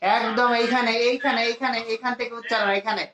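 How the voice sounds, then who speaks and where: A man from Bangladesh teaching a class to pronounce Arabic letters, slowly repeating each sound for his students. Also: very high voice, fairly even intonation, a crowd in the background. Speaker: Quran teacher. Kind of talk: classroom lesson. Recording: echoey room.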